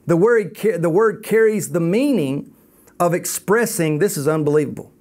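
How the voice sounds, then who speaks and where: Man, Bible teacher, high voice, very lively pitch, emphatic scripture reading. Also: normal speed. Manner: animated, reads scripture aloud and comments with emphasis.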